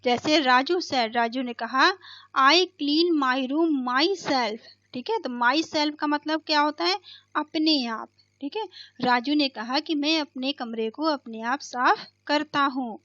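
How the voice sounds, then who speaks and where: Woman teacher, high voice, dry muffled sound, keeps repeating words slow for kids. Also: fairly bright tone, dry recording. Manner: slow explanatory, repeats words, asks and answers own questions. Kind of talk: bilingual classroom lesson.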